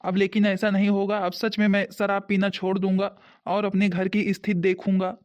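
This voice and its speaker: This Hindi cartoon voice work features a performer as a young husband who drinks and then grows remorseful, pleading earnestly. The natural, medium-pitched voice is somewhat dark and completely flat, at a moderate pace. The sound is dull and lo-fi.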